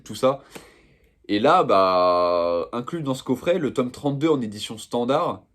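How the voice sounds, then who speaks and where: A young man showing off his manga purchases in a casual, slangy, rambling chat full of fillers. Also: mid-range voice. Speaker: manga vlogger.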